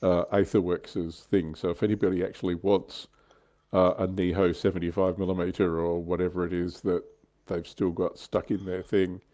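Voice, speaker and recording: A man co-hosting a livestream chats casually about tabletop wargames, explaining his opinions on the hobby. His voice is deep and dark in tone, with a flat delivery at normal speed.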